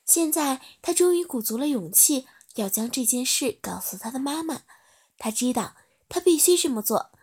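A woman narrating a story in a soft, steady reading voice. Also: high-pitched, normal speed, slightly rough.

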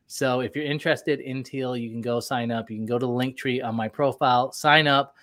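A man's voice: mid-range voice, a bit bright, no room sound, studio quality. A man hosting a live recruiting podcast, upbeat and promotional, a bit nasal from a cold. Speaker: podcast host. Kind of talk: live show chat.

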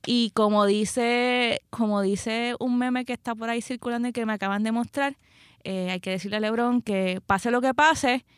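A woman's voice: fairly high pitch, steady tone, normal speed, clean tone, no echo, clean studio sound. A Puerto Rican woman hosting a casual sports chat, emphatic and often repeating her phrases for weight. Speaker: sports podcast host.

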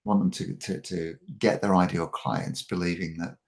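Middle-aged man guest, deep gravelly voice, stumbling restarts, casual chat. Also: moderate pace, darkish tone. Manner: frequent repeated words and restarts. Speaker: podcast guest, marketing coach.

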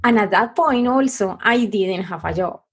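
With a mid-range voice carrying a breathy edge, this middle-aged woman from Colombia recounts her life as a podcast guest. She is sincere yet halting, frequently starting her sentences over.

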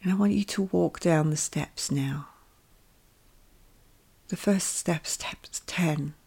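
A woman leading a guided meditation with calm, gentle instructions, her soft voice often drifting into a whisper. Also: low-pitched, takes it slowly, vocal fry, slightly rough.

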